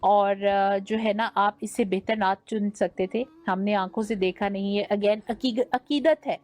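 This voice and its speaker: A woman's voice: medium pitch, steady tone, unhurried, darkish tone, faint music behind. A young woman with a Pakistani Urdu accent, judging a naat competition and giving teacherly feedback that mixes in English words. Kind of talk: judge's critique.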